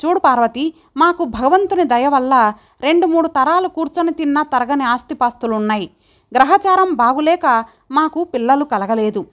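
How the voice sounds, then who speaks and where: A woman's voice: sits high, lively intonation, moderate pace. A woman voicing a wealthy, stern middle-aged husband who talks in a blunt, commanding way. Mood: curt.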